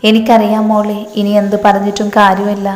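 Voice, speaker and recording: A soft-spoken, tearful mother, tender and heartfelt, as a woman narrator puts her on. The delivery is even and flat in pitch. It rings in a hall-like space with long reverb. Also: fairly quick, soft background music, natural voice. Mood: tender, sad. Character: loving middle-aged mother, tearful and gentle. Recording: echoey room with long reverb.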